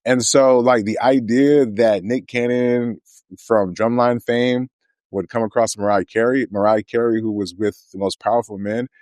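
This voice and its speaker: A man's voice: medium pitch, fairly even intonation, darkish tone, no echo. A man in his forties co-hosting a casual podcast chat, thinking aloud in a hesitant, reflective way. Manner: musing, hesitant, reflective, with filler pauses and restarts. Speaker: podcast co-host.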